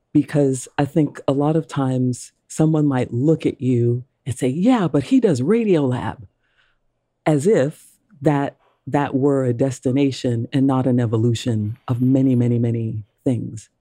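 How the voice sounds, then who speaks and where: Slow, dark-toned woman host. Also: very deep voice, dry recording, clean studio sound. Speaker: interview host. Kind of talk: conversational interview.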